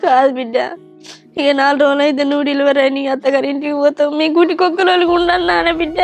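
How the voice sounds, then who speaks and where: A woman's voice: high-pitched, little pitch movement, quick pace, faint music behind. A woman playing a weeping old grandmother. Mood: tearful lament. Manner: lamenting, pleading. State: crying. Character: grieving old grandmother missing her granddaughter.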